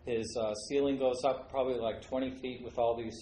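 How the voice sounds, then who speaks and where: A man's voice: medium pitch, steady tone, brisk, dark tone, a little hiss or hum. A man hosting an interview podcast, asking enthusiastic, rambling questions full of fillers. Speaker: podcast host. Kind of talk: casual interview. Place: large home studio. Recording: roomy studio with faint ambience.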